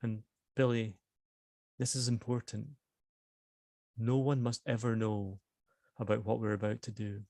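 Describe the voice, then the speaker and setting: A man reads as an anxious young woman who speaks with a Scottish accent. She is earnest and hushed, as if sharing a dangerous secret. The voice is low and gravelly, recorded dry and close. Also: little pitch movement, a little slow, pauses often, no echo. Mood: urgent, uneasy. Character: anxious young woman, guild leader's niece.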